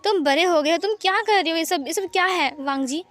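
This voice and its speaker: A woman's voice: very high-pitched, brisk, fairly bright tone, faint music behind. A woman voicing an irritated, tired young husband who scolds his childlike partner, in a fan fiction reading. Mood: exasperated. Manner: exasperated, scolding.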